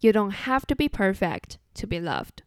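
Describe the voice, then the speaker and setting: The solo podcast monologue comes from a young woman with a Chinese accent, who sounds relaxed, earnest, measured and conversational. Her voice is clear and smooth at a middle pitch, and the dry, close recording has no room sound.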